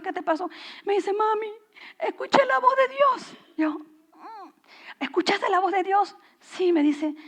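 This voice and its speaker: High-pitched gravelly woman pastor. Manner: storytelling, animated and conversational, acting out dialogue. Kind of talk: sermon.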